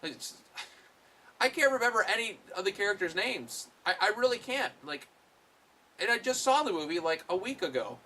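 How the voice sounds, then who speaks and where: A man's voice: high voice, animated, moderate pace, pushed and bright. A man giving a casual, rambling film review, full of fillers and blunt swearing. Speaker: movie reviewer.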